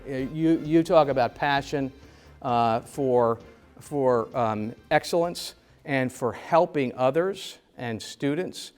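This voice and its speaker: A man introducing the next speaker at a business event, halting and warm in his praise. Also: medium pitch, clean tone, soft background music. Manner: halting, many fillers and restarts.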